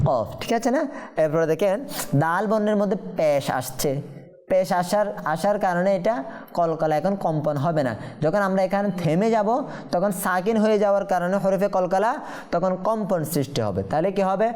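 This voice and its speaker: A man teaching tajweed, explaining each rule patiently, checking that listeners follow, and chanting verses slowly. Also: fairly high pitch, a little mellow. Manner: patient, explains step by step and often checks understanding; draws out Quranic verses in slow melodic chant. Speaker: Quran recitation teacher. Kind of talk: tajweed lesson with chanted recitation.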